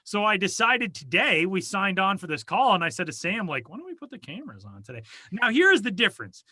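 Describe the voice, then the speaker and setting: Speaking a little fast with big pitch swings, this co-host has a high, bright, forceful voice and no echo. He rambles and jokes about himself in casual podcast chat, recorded in a tiny soundproofed closet studio via home studio mic over video call.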